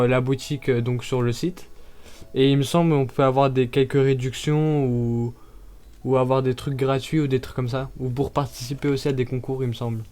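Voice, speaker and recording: A man talking his way through an unboxing in a loose, chatty vlog style, his voice sitting at an ordinary middle pitch. He pauses and fills gaps with hesitant fillers, and soft music plays faintly behind him. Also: smooth. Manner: chatty, hesitant with many fillers, laughs often. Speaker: YouTuber unboxing products.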